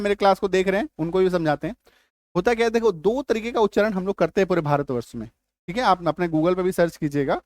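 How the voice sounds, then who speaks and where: Recorded dry in a clean studio, a high-voiced middle-aged man explains English spelling and pronunciation in Hindi. He is repetitive, restating rules and checking understanding often.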